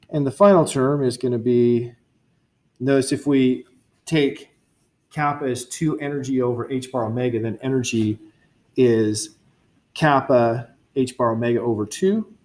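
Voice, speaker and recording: A mid-range, darkish-toned male voice leads a university physics lecture, captured on a lecture recording. He works through equations step by step, thinking aloud, correcting himself and adding chatty asides for students.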